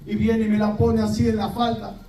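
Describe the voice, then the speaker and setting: A priest with a Puerto Rican accent giving a lively sermon, telling stories and imitating voices. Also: male voice, high-pitched, normal speed, vocal fry, a crowd in the background. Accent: Puerto Rican Spanish. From Puerto Rico. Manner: lively storytelling preacher, mimics voices, laughs. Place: church hall. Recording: roomy, distant church recording with faint hiss.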